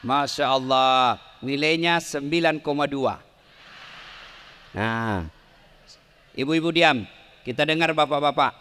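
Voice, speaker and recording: Casting: male preacher, crowd-teasing, bright tone, long hall reverb. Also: a little high, slow pace, pauses often, smooth. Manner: joking, teasing the audience, leads call-and-response chanting. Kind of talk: lively sermon at a public event. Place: large hall with an audience.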